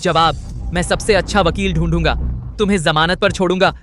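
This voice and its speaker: A man's voice: high-pitched, steady tone, a little fast, fairly bright tone, faint music behind. A man dubbing an arrogant rich heir who mocks and threatens his victim. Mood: sneering. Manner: sneering, taunting. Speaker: dub actor. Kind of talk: Hindi drama dub.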